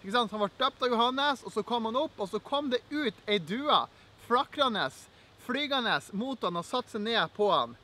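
Man, young adult, Norwegian accent, very high pitch, bright forceful tone, earnest devotional teaching. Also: animated. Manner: earnest, encouraging, reads scripture aloud. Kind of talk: devotional Bible teaching video.

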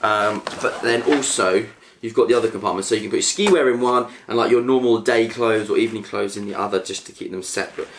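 A family vlogger, British and in his thirties, does a casual product haul on his living room sofa, chatting about gear. He talks fast in a voice on the low side, staying chatty and upbeat and laughing between items. Background noise is audible on the recording from a camera on a tripod in front.

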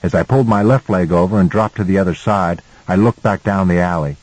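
A male audiobook narrator telling a first-person story in a measured way. His voice sits very low with a husky edge. The recording is close and dry. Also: a little mellow, dry recording, rough recording.

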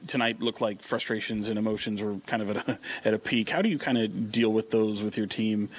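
A man's voice: lowish voice, steady tone, brisk, slight background noise. A man, a reporter asking questions at a press conference, hesitant and full of fillers, heard from across the room.

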